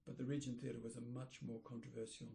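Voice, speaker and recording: An older man, an architect, reminiscing in an interview, rambling and pausing to search for names. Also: mid-range voice, flat delivery, creaky, dark tone. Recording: roomy echoey room.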